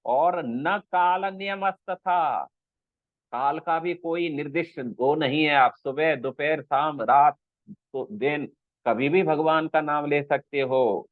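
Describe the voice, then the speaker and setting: A male spiritual teacher giving a slow scriptural discourse, explaining step by step, checking with his listeners and intoning verses. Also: a little high, no echo. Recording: dry, tinny phone-like sound.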